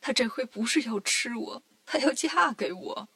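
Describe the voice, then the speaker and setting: A woman voicing a timid, fretful male monk in a storybook reading, speaking softly and with a whimper. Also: a little high, animated, brisk. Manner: soft, whimpering.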